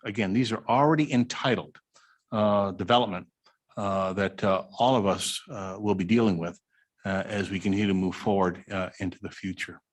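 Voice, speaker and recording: Male agency director, lowish voice, walks through slides with lots of uhs. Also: fairly even intonation. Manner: halting, with many uh fillers. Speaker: highway district director presenting. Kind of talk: slide presentation at a public meeting. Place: city hall meeting room.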